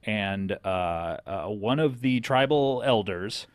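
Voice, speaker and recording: A man hosting a casual comedy interview, halting and rambling in a deadpan way. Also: lowish voice, noisy background. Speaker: comedy show host.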